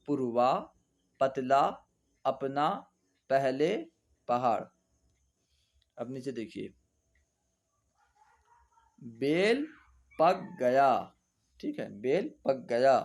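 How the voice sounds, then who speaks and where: A man teaching Urdu reading, spelling words out letter by letter and then reading them slowly and patiently. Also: medium pitch. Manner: patient explaining teacher, often says "theek hai". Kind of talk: slow spelling-out lesson.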